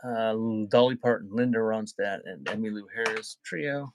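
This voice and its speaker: Hosting a casual livestream to sell cassettes, a man reads album titles aloud and chats spontaneously with viewers. He speaks on the low side at a moderate pace, with background noise.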